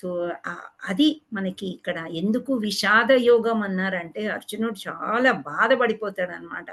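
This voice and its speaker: A woman's voice: mid-range voice, fairly bright tone. A woman teaching a spiritual class on scripture, asking questions and answering them herself, mixing English words into her explanations.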